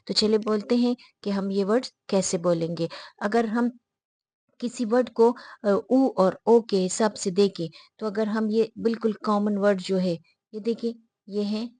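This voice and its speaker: A woman with a background teaches English phonics, sounding out letters one at a time. She speaks very slowly and deliberately at a mid pitch. Her voice is recorded close and dry, with no room echo. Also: a little mellow. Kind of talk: phonics lesson.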